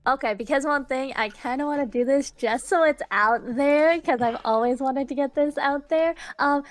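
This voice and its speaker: A young woman chatting eagerly in a group call, halting and restarting. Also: high-pitched, no room sound. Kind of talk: casual group chat.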